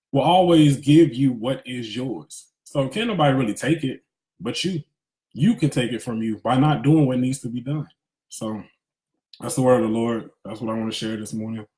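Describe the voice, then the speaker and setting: Medium in pitch and a little mellow, this thirtysomething man's voice carries a casual, emphatic spiritual pep talk. He's a motivational speaker whose candid, slangy, street-smart delivery leans on repetition for emphasis, recorded in an echoey space.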